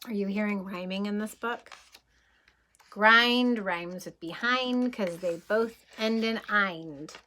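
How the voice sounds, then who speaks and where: A female kindergarten teacher with a medium-pitched voice reads a picture book aloud to young children. She reads gently and expressively, stopping now and then to ask them questions.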